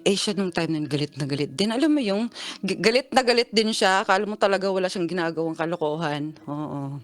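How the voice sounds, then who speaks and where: A woman in her thirties from the Philippines, calling in to a radio show and telling her story with lively acted-out dialogue. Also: on the low side, fast talker, soft background music. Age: 30s. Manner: animated storytelling, acting out both sides of an argument. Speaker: caller. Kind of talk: phone-in confession.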